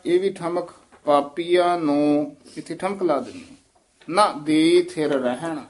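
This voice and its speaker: A man's voice: a little high, unhurried. A man teaching the correct recitation of sacred verses, modelling each phrase and explaining the pronunciation.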